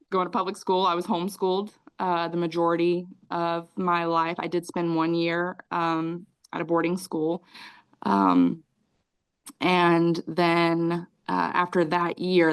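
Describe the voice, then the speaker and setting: A woman in her thirties from Raleigh, North Carolina, raised in Cambodia, tells her life story as a podcast guest in casual conversation, with many ums and restarts. Her voice is fairly low, clear, and resonant.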